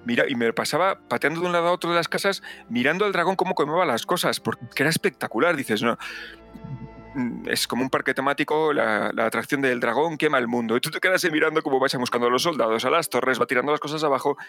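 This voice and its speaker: Bright-voiced man telling stories. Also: mid-range voice, fast talker, faint music behind. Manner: animated storytelling with acted asides. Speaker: podcast host. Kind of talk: casual chat.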